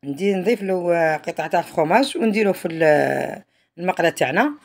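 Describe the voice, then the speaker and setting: Fast-talking Algerian woman showing a recipe. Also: fairly low pitch, animated. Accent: Algerian Arabic. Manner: chatty, repeats "voilà" and trails off mid-phrase. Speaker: home cook. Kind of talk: cooking tutorial narration.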